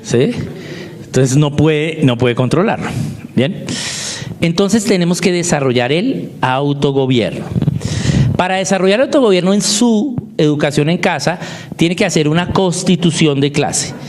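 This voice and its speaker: A man's voice: fairly high pitch, lively intonation, moderate pace, darkish tone. A man giving a teaching talk on homeschooling, who keeps checking in with his listeners through short rhetorical questions. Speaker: homeschooling speaker.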